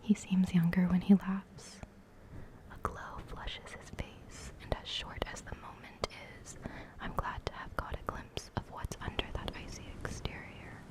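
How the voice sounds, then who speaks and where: A woman in a whispered role-play, playing and reading a game aloud in a soft, chatty whisper and reacting as she goes. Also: fairly low pitch, little pitch movement, unhurried. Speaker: ASMR creator.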